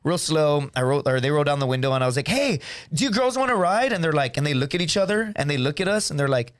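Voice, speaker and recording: Quick animated guy, says dude constantly, slightly high voice, loose rowdy podcast storytelling. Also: dry recording, studio quality. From United States. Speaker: podcast guest, comedian. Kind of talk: casual storytelling chat.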